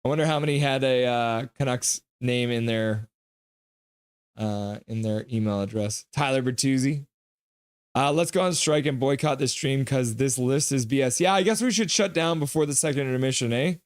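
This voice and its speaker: Hosting a hockey livestream, this man has a smooth, mid-range voice. Between jokey readings of the chat, he breaks into rapid play-by-play of the action.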